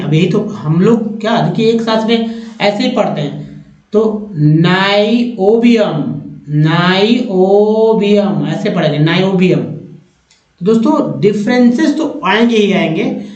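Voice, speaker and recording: A man with a high voice gives a reading lesson and drags each word out slowly, saying it over and over. He sounds like he is in an echoey room, and the recording is dull and muffled. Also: a little mellow. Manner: slow and drawn-out, repeating each word several times. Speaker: English teacher. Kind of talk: Hindi-language reading lesson.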